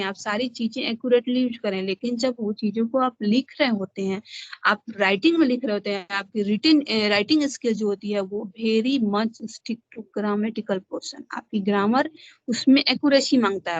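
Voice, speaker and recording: A woman with a somewhat high voice lectures to trainee teachers in an online class. She switches between Hindi and English and often poses a question before answering it herself. The sound is dry and slightly dull, like a lo-fi web stream. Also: no room sound. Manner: mixes Hindi and English, asks and answers her own questions. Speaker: teacher-educator.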